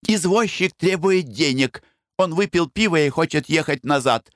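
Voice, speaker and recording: A man voicing a frank, breezy young man with a brisk, offhand way of speaking. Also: fairly high pitch, no room sound, clean studio sound, voice pushed up, lightly acted. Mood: calling.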